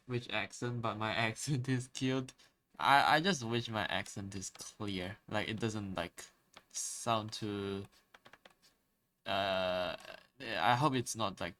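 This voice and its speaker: Slow and a bit bright, a young man's fairly low voice drifts through casual stream chatter while he draws. He has a Malaysian English accent, is a native Chinese speaker, and keeps restarting and using fillers.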